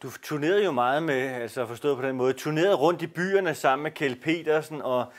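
A man interviewing a guest, asking conversational questions and prompting him with short replies. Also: on the high side.

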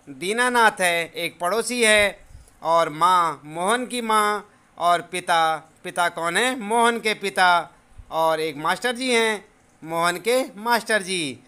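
High, bright-voiced male teacher. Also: smooth. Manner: asks the class questions and answers them. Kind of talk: lesson explanation to children.

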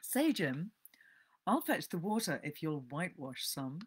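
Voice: mid-range voice, big pitch swings, a little slow, breathy edge. A storybook reader voicing a cocky, mischievous schoolboy with a coaxing, dismissive manner. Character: wheedling, cocky, mischievous schoolboy Tom Sawyer.

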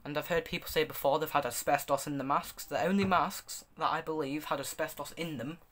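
A young man talks off the cuff in a slightly high voice. He rambles through a casual hands-on review, often correcting himself as he goes. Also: steady tone, fairly quick, fairly bright tone. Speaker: hobbyist video reviewer. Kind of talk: casual unscripted product review.

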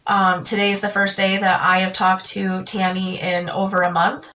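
A young woman talking to camera in a personal vlog, halting and full of fillers and restarts, jittery and tearful. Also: medium pitch, level tone, pushed and bright, far from the mic, a little hiss or hum, low-quality recording. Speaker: vlogger.

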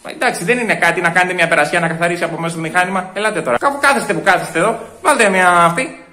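A man playing a fussy, complaining male shopper at a supermarket cheese counter, in a one-man comedy sketch, ranting loudly and muttering asides. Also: high-pitched. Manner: loud indignant ranting, repeats himself, muttered asides.

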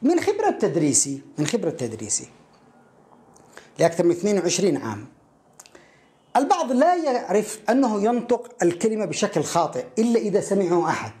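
A middle-aged woman teaching a beginner English reading lesson, patiently repeating each word slowly several times. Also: medium pitch, huge pitch swings, warm tone.

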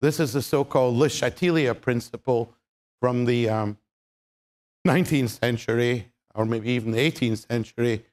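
A man with a Scottish accent giving a public science lecture, measured and explanatory, with frequent ums and dry humor. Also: mid-range voice, a little mellow. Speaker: chemistry lecturer.

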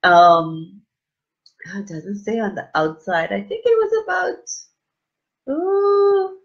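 A middle-aged woman hosts a casual live unboxing from a small room with a plain wall, gushing and exclaiming over what she shows, with plenty of fillers. Her medium-pitched voice is slow and lively in intonation. The webcam sits at desk distance, giving dull lo-fi audio.

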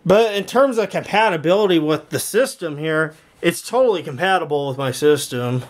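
A higher-voiced man gives a casual walkthrough vlog of a home intercom and speaker system from his indoor garage workshop. He rambles and halts, thinking aloud, with lively intonation.

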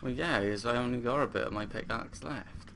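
A man's voice: mid-range voice, brisk, creaky, a crowd in the background. A man making dry, teasing remarks as a let's play co-host. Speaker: gamer co-host.

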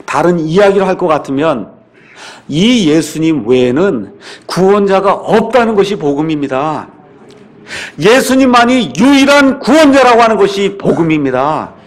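A man's voice: sits high, very animated, normal speed. A man preaching a sermon as pastor, emphatic and repetitive, with rhetorical questions to his congregation. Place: church sanctuary.

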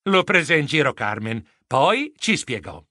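A man narrating a children's audio story in first person, expressive and animated. His voice is bright and a little high, with wide pitch swings, in a dry studio sound. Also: a little slow, no room sound.

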